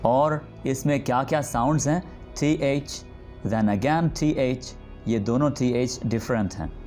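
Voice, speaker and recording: A man teaching English pronunciation. He explains patiently and says each example word slowly and drawn out, often stopping to check in with the learner. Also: medium pitch, a little mellow. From Pakistan. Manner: drawn-out demonstration words repeated slowly. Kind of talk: spoken language lesson.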